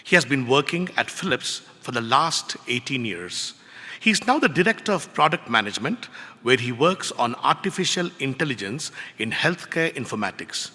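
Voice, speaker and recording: A man's voice: mid-range voice, pushed and bright. A man announcing the next speaker, reading a formal prepared introduction. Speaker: event announcer. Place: large hall. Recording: long hall reverb.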